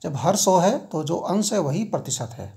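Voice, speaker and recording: A man's voice: fairly high pitch, animated, moderate pace, creaky, mellow. A middle-aged man teaching a school maths lesson, repeating key points and asking his students questions as he explains.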